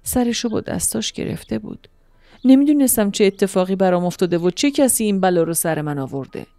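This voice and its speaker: A woman narrating a first-person story in a soft, emotional, intimate way. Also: mid-range voice, animated, no room sound. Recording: dry studio voice-over with soft music.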